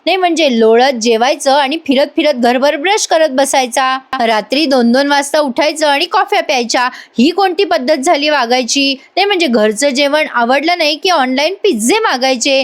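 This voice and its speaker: A proud, sharp-tongued aunt scolds and taunts in a nagging tone, as a woman reads her lines. The voice sits high. She keeps needling without letup. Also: moderate pace, hardly any pauses, lightly acted. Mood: scolding.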